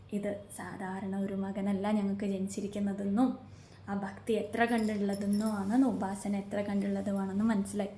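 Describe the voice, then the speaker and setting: A woman recounts a devotional story in an earnest, unhurried way, stopping to ask her listeners rhetorical questions. Her voice sits at an ordinary middle pitch. The room is echoey, with a faint hum of ambient noise behind her. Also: a little mellow.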